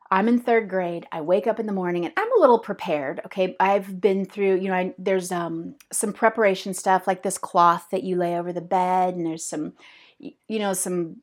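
Woman in her 50s rambling thru a story, lots of ums and restarts, laughs a lot. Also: lowish voice. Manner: rambling, many fillers and restarts, laughs often. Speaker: podcast host. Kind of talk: casual personal storytelling.

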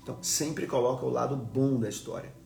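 A man preaching during a live stream, earnest and emphatic, often slowing down to stress key words. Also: mid-range voice, gravelly, darkish tone, reverberant. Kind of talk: live-stream devotional teaching.

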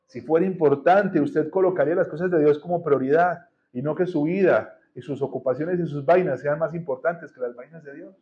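A man's voice: fairly high pitch, fairly quick, few pauses, lo-fi sound. A man preaching a sermon in a church, blunt and colloquial with strong emphasis. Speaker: pastor. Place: church hall.

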